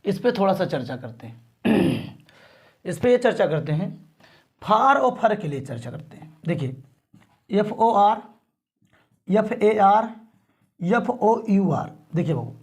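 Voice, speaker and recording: Slow-drilling male classroom teacher. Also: sits high, big pitch swings. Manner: repeats each word and asks what to read, often clearing his throat.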